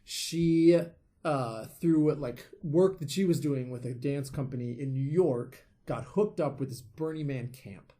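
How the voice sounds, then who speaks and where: Relaxed male podcast guest. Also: medium pitch, a little slow. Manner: relaxed, many fillers. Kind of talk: casual storytelling.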